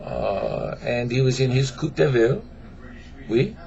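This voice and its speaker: A man telling a joke in a put-on French accent, halting and filling gaps with "uh" and stray French words. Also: mid-range voice, wildly swooping pitch, creaky, darkish tone, lo-fi sound. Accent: mock French. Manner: halting, full of fillers, sprinkled with French words. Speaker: joke teller.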